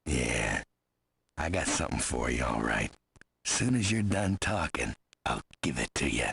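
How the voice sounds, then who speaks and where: An actor playing a weary, gruff police desk sergeant in a video game, husky and blunt. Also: male voice, rumbling low, lively intonation, unhurried, fairly bright tone, exaggerated voice. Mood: gruff, dismissive. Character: weary gruff middle-aged New Orleans desk sergeant.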